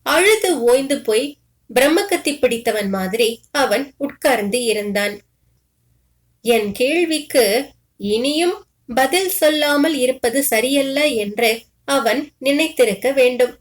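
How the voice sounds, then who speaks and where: A woman storyteller reads a literary short story aloud in a measured, expressive first-person voice. Her voice sits high and she takes her time with each line.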